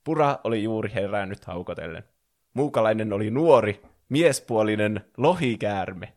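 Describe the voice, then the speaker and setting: Guy with a lowish voice reading fanfic out loud, playful, does the voices. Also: animated. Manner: playful, acts out characters. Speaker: fan fiction reader. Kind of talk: reading a story aloud with voices.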